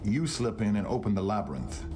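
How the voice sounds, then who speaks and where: An actor playing a resolute, honorable commander of a warriors' guild in a fantasy video game, speaking in a formal, soldierly way. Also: male voice, on the low side, sing-song, brisk, a little mellow, a little hiss or hum. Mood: resolute, earnest. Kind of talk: video game character acting.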